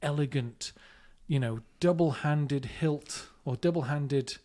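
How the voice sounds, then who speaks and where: A man's voice: fairly high pitch, slow pace, mellow. A man co-hosting a casual podcast from his kitchen on a semi-professional mic, talking enthusiastically with many fillers and restarts. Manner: enthusiastic, rambling, lots of fillers. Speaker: podcast co-host. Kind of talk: casual chat. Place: home kitchen.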